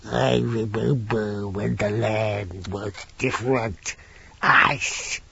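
A man voicing an ancient, wheezing bogeyman posing as a sweet old lady, in a creaky, sly audiobook voice. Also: lowish voice, fairly even intonation, drawn-out words, pushed and bright, heavily acted. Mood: grandiose. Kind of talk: audiobook character voice. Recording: dull lo-fi recording.

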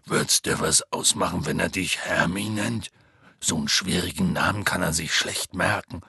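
A man voicing a huge, clumsy half-giant man who calls out loudly and strains his voice to coax and scold, in an audiobook. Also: deep voice, normal speed, creaky, husky, no echo, clean studio sound, voice pushed down, heavily acted. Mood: shouting, scolding. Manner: loud, strained calling out, pleading and scolding.

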